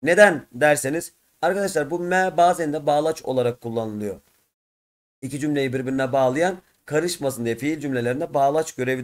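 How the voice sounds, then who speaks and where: A hoarse man walks through a textbook lesson, reading short phrases and translating each word as he goes. His voice sits a little high for a man and has a rough edge to it. He speaks to his students as friends. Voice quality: rough-edged. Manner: reads Arabic phrases then translates them word by word, addressing students as friends. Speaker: teacher.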